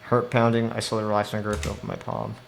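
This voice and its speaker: A man's voice: lowish voice, monotone, fast, vocal fry, a little hiss or hum. A man streaming a game live, reading its story text aloud and breaking off to react with swearing and laughs. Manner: reads narration then reacts with swearing and laughter.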